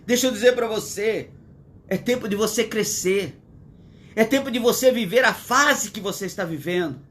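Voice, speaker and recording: Brazilian pastor, man in his sixties, notably high voice, emphatic and repetitive live sermon from home. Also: moderate pace, a bit bright. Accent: Brazilian Portuguese. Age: 60s. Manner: earnest, repetitive, emphatic preaching. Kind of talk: livestreamed sermon.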